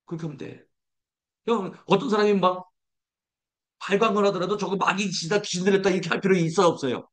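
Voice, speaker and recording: A pastor delivers a sermon in a notably high voice. He pairs rhetorical questions with their own answers and leads the congregation in repeating declarations. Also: fast talker, long pauses.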